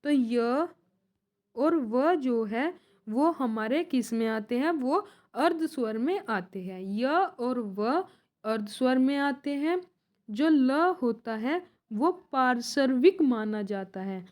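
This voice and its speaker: Slow-speaking woman teaching a lesson. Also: high-pitched, lively intonation, a little mellow. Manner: slow, repeats points as questions and answers. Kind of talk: exam-prep grammar lesson.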